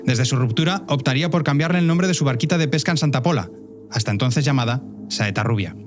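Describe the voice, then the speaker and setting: A man with a Spanish accent narrates a scripted story at a brisk clip over faint music. He is wry and speaks straight to the listener like a podcast host. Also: mid-range voice. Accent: Spain. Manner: wry, addresses listeners directly. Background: faint music bed.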